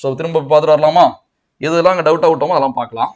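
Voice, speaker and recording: Tamil Nadu male tutor, high voice, quizzes himself through each point. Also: racing. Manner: asks and answers his own questions, mixing in English words. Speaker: Tamil grammar teacher. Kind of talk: exam coaching lecture.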